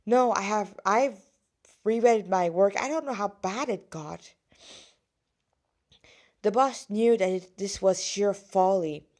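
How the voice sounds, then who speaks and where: This woman has a mid-range, darkish voice, and she haltingly reads a fan fiction piece she wrote, tripping over words, correcting herself and tossing in casual remarks.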